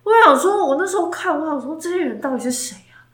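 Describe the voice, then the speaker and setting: Bright, animated woman. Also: high voice, fast, echoey room. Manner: animated storytelling, acts out her own quoted lines. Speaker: podcast co-host. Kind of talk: casual chat.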